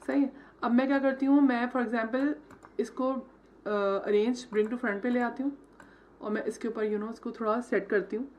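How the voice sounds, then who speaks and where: Speaking at a measured pace, a woman with a fairly high, darkish voice and fairly even intonation leads a screen-recorded tutorial on logo design. She proceeds step by step, folding English terms into her Hindi and checking in with "theek hai" after each step.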